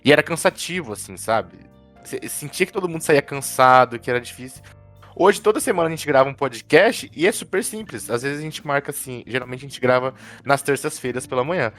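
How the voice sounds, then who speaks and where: A man co-hosting a podcast, talking in a relaxed, conversational way and often ending thoughts with tag questions. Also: mid-range voice, a little fast, faint music behind. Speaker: podcast co-host.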